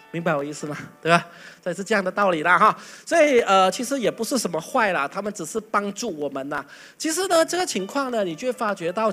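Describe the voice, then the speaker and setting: A pastor giving a lively sermon full of acted stories, breaking into loud bursts. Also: mid-range voice. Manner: animated, loud bursts, mimics chanting.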